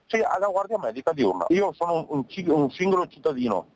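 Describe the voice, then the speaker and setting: A man speaking as a local resident in a street interview, exasperated and halting. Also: a little high, sing-song, a little mellow, no room sound, poor audio.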